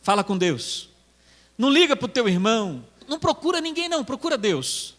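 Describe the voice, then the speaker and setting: A man's voice: extremely high pitch, sing-song, moderate pace, a bit bright, big-room sound. A Brazilian man preaching a sermon as pastor, emphatic and repetitive, telling stories to his church.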